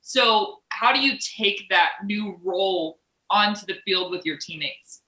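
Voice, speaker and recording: A woman's voice: mid-range voice, a little slow, bright, forceful tone, echoey room, rough recording. A woman hosting a podcast, asking questions in a casual sports interview style.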